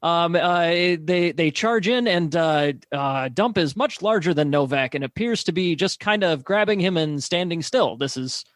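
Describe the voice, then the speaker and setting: A man doing mock play-by-play commentary, deadpan and full of hesitant fillers. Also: on the high side, measured pace, few pauses, no room sound, clean studio sound. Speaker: play-by-play announcer.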